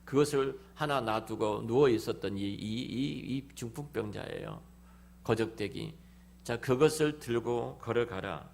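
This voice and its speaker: A middle-aged man preaching a sermon as pastor in a church, emphatic, swinging between loud exclamations and hushed near-whispers, often repeating words and restarting phrases. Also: mid-range voice, a little slow, vocal fry, a little hiss or hum. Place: church sanctuary.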